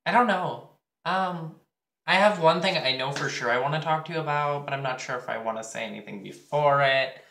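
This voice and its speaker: A man's voice: a little high, fairly quick, vocal fry, fairly bright tone. A teenage boy vlogging casually while getting ready, candid and crude, with plenty of fillers. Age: teens. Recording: echoey room.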